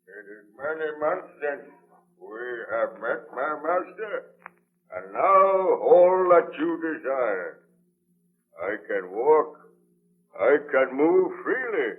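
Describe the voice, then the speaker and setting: A man's voice: on the high side, sing-song, slow, slightly rough, exaggerated voice. A man playing an anguished, vengeful monster in a 1930s radio drama, speaking in a portentous, declamatory way. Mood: slow, menacing. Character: anguished, vengeful male monster, lonely man-made creature. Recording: tinny band-limited 1930s radio broadcast.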